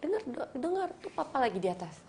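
A woman in her thirties, a talk show guest, telling a personal story in a soft, reflective way. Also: sits high, very animated, fast talker, noisy background. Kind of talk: casual chat.

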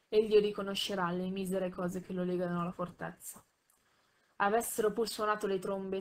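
Woman reading a novel in a flat voice. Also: mid-range voice. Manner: measured, with small slips and self-corrections. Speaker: audiobook reader.

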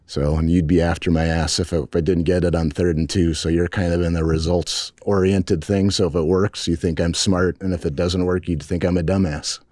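Middle-aged male coach, very deep voice, dry close sound, frank and halting at a press table. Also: level tone, darkish tone, no echo. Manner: measured, frank, with many restarts and fillers. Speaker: head football coach. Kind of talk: post-game press conference. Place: press conference room. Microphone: table mics in front.

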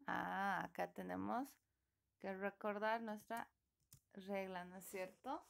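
A woman's voice: mid-range voice, steady tone, slow pace, vocal fry. A woman teaching an online class, patiently prompting her students and coaxing them to answer. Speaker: English teacher.

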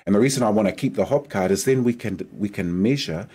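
A mayoral candidate, appearing as a guest, answers interview questions earnestly at a desk microphone in a small studio with a decorated backdrop. His voice is fairly low, fast and slightly rough, and his conversational manner is persuasive, with animated hand gestures.

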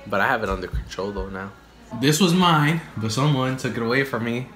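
Animated young man teasing in an echoey room. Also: medium pitch, brisk, faint music behind. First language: bilingual English and Spanish. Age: young adult. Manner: teasing, boastful. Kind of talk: casual teasing chat during a spicy food challenge. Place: small bedroom, sitting on a bed. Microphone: camera a few feet away. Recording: very echoey bedroom, distant mic, faint noise.

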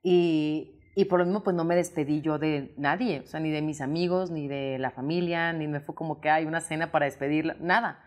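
Mexican woman telling lively stories. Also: sits low, a little fast, hardly any pauses. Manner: lively anecdotes with acted-out quotes. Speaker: interview guest, singer and actress. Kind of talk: casual storytelling interview.

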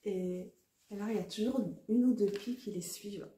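A woman's voice: mid-range voice, normal speed, warm tone, echoey room. A woman with a French accent, chatting casually to camera about tarot, self-mocking and often laughing. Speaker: tarot vlogger. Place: outdoors near a garden with birds.

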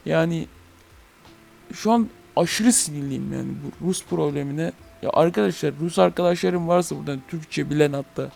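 A man's voice: on the high side, creaky, a little mellow. A young man hosting a gaming channel, ranting heatedly and swearing in a casual chat about a game.

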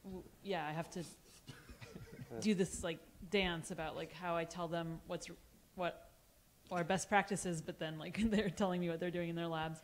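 A woman speaking as a panelist in a conference room through a handheld mic, talking quickly and casually with laughing asides. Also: on the low side, steady tone. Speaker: panelist, seminar teacher. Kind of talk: panel discussion.

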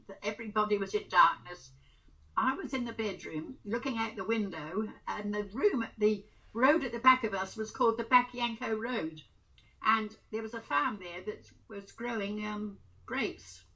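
A very old woman, over a hundred, recalling things in casual conversation and halting now and then to repeat or search for words. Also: mid-range voice, bright, forceful tone, low-quality recording. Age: over 100. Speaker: interviewee. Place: small room at home, indoors.

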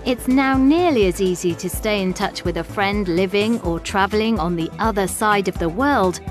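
A woman reading scripted documentary narration in a measured, clearly enunciated way. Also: mid-range voice. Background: background music.

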